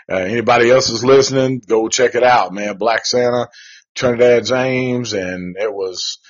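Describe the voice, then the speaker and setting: A man's voice: mid-range voice, slightly rough. A man hosting a live show, reviewing a movie in a rambling, profane, laid-back way with lots of slang. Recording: dull lo-fi recording.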